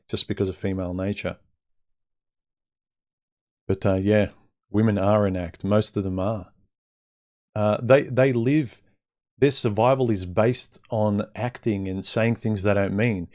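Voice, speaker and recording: A man with a fairly low voice delivers an opinionated, off-the-cuff livestream monologue. His speech sounds slightly muffled and impeded, as though he is wearing a mouthguard. He is blunt and conversational, addressing his listeners directly. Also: a little mellow. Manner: blunt, conversational, rhetorical questions. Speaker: livestream host giving dating advice. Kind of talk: casual opinionated monologue to live chat.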